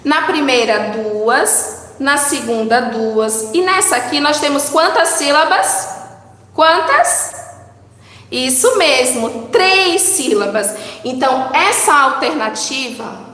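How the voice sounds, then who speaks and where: A woman teacher counting syllables with young children, drawing out words slowly and coaxing answers with questions. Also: high-pitched, animated, sharp tone. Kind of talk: children's lesson, slow and sing-song. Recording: echoey room with long reverb.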